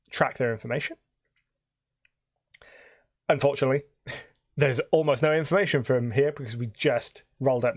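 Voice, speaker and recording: A man casually chatting on a live stream as game master, rambling with frequent pauses. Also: medium pitch, no echo. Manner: rambling, many ums and restarts.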